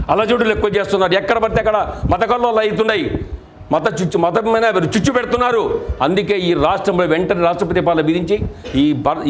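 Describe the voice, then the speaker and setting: A man's voice: high-pitched, a little hiss or hum. A middle-aged man, a party district president, giving an angry political press statement full of accusing rhetorical questions. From Andhra Pradesh, India.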